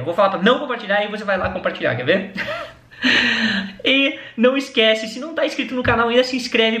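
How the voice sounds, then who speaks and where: A Brazilian man teaches English to beginners with a high, bright voice, cracking little jokes and chuckling at them. He slows down to model each phrase. The sound is roomy and echoey. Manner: jokey, chuckles at own jokes, slows down for drills.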